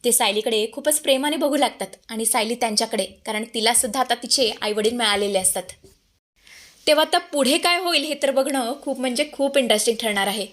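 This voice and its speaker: Brief: a high-pitched woman with a bright tone, dramatic recap narrator. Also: fairly quick. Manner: dramatic storytelling. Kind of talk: scripted story narration.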